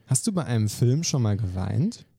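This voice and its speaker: A man hosting a podcast, firing off quick questions in a lively, brisk way. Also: mid-range voice, creaky, slightly rough, no room sound, studio quality. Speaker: podcast host. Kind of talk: quick-fire question interview.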